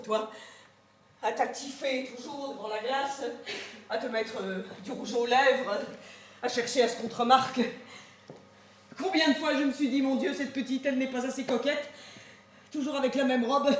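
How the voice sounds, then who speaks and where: An actress playing an old, devoted nurse who scolds and laments on a theater stage, swinging from shouts to murmurs. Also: female voice, high voice, steady tone, moderate pace, natural voice. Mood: scolding. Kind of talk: stage acting. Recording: roomy stage with faint noise.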